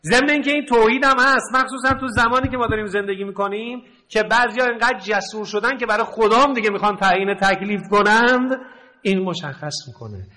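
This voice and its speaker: A man preaching an emotional religious sermon, slipping into slow, tearful chanted prayers. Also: high voice, sharp tone, rough recording. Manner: chants prayer lines slowly with tearful swells.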